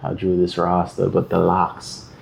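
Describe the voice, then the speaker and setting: A deep-voiced Jamaican man speaks at a moderate pace with some creak, against slight background noise. He's a podcast guest artist, animatedly recounting stories and acting out other characters' voices.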